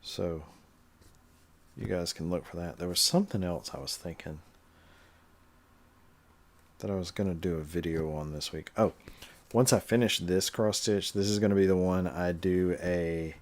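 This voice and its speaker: Male livestreamer, very low voice, relaxed hobby chat while he works. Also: moderate pace, pauses often. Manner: relaxed, chatty, talking while stitching and reading chat. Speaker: cross stitch livestreamer. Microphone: webcam livestream setup.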